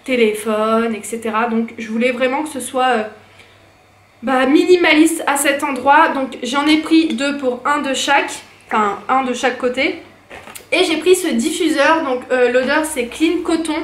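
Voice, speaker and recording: Chatty young French woman, high voice. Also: moderate pace, roomy sound, slight background noise. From France. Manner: chatty, many fillers and restarts. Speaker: vlogger. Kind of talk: casual haul vlog chat.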